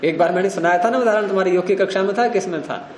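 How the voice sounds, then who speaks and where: Male grammar teacher, fairly high voice, quizzing students, roomy echo. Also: rapid-fire, a little mellow, a little hiss or hum. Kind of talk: classroom teaching.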